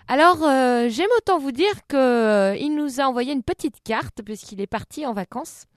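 A woman's voice: high-pitched, animated, normal speed, no room sound, clean studio sound. A woman hosting a comic radio show, telling a story in a playful, mock-earnest way.

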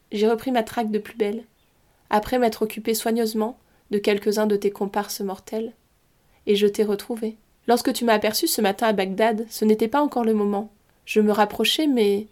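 Death herself as a woman, speaking low and patient, silky and soothing, with a dark, mellow tone that never hurries, voiced by a woman reading a tale aloud. The voice stays hushed and gentle. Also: close to an everyday voice. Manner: soft, soothing, slightly languid. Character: seductive female Death, calm and patient.

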